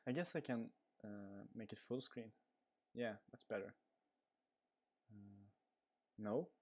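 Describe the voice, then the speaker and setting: A lowish, slow, slightly mellow male voice with a Swedish accent provides casual commentary on a live card game stream. He rambles and leans on fillers, using a headset microphone.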